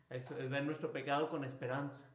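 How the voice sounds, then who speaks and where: A man giving a spiritual retreat talk as a priest, animated, acting out inner voices and chuckling at himself. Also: medium pitch, echoey room.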